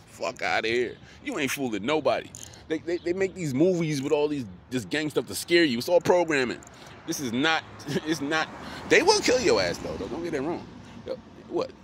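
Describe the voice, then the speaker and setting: A man's voice: on the high side, lively intonation, normal speed. A man giving a profane, rambling street monologue outdoors, chuckling often as he talks. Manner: profane, loose, breaks into frequent chuckles. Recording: street traffic noise behind.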